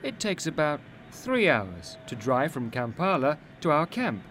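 A steady, reassuring boy, played by a male narrator, sitting higher than the man's own voice. His pitch moves lively as he jokes and calms his sister, over faint noise. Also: a little slow. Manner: reassuring, lightly joking. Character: calm, joking boy traveller.

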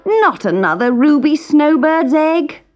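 Lady doing a bratty storybook princess, high and whiny, music underneath. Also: sing-song, unhurried. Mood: petulant. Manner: high, petulant, sulky. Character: spoiled young princess, cross and demanding. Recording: music playing behind.

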